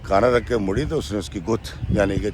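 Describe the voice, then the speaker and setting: A man's voice: lowish voice, steady tone, background noise. A man narrating a true-life story in a conversational, emphatic way.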